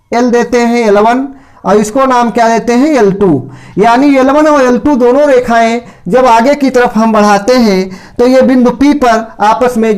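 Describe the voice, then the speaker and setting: A man's voice: very high-pitched, darkish tone. Male teacher explaining a maths lesson. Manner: explains step by step, often poses and answers his own questions. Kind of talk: classroom lecture to school pupils.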